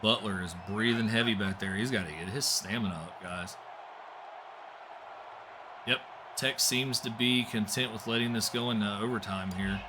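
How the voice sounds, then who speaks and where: A young man doing live play-by-play commentary on a simulated football game, getting excitable on big plays. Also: moderate pace, long pauses, background noise. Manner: excitable, voice jumps high and loud on big plays. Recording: music playing behind the voice.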